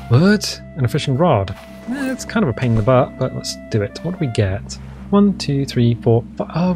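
An English-accented man hosting a survival game playthrough, talking casually and joking at his own expense. His voice swings freely up and down in pitch, and faint music plays underneath. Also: darkish tone. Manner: chatty, playful, self-mocking asides. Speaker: gaming channel host. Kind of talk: let's play commentary.

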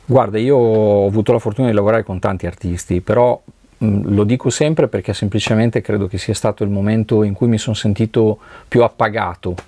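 A man's voice: on the low side, brisk, mellow, no room sound. A middle-aged man from Italy, a session drummer, talking reflectively in an interview and searching for words as he goes. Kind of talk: relaxed conversational interview. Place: recording studio.

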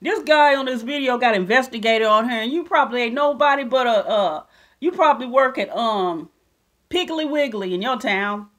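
A woman delivering a fiery vlog rant, mocking her critics one moment and preaching scripture the next. Her voice sits on the higher side for a woman, and her tone is combative and sure of itself. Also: lively intonation, moderate pace, fairly bright tone. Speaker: self-styled prophetess vlogger. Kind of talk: ranting commentary and scripture reading.

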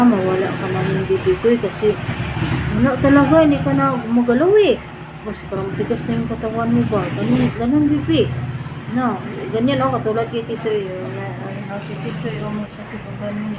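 A young woman chatting to her pet in teasing, sing-song baby talk that jumps up high when she coaxes it. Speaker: pet vlogger. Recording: loud background noise.

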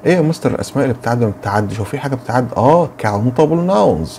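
A man with an Egyptian Arabic accent explains English grammar to children, drilling each English phrase slowly. His voice is dark and mellow. Faint noise sits behind him. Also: medium pitch. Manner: asks and answers his own questions, slow drilled English phrases. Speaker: English teacher.

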